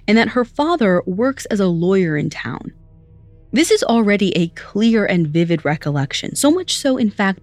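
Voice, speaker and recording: A woman telling a true story as a podcast narrator, in a measured scripted delivery. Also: medium pitch, a little mellow, no room sound.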